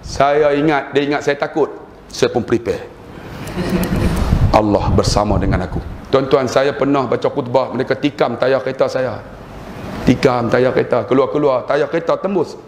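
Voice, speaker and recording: A man's voice: medium pitch, moderate pace, noisy background. A middle-aged Malaysian man giving a religious lecture to a congregation, telling stories with humor and acting out the people in them. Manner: animated storytelling, acting out quoted voices with humor. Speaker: preacher. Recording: roomy hall echo, faint ambience.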